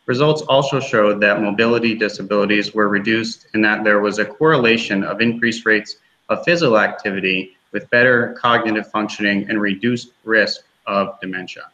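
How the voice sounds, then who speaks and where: A man reads his part of a class presentation in a steady, scripted way. His voice is lowish but bright. The recording sounds roomy and muffled. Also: moderate pace. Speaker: graduate student presenter.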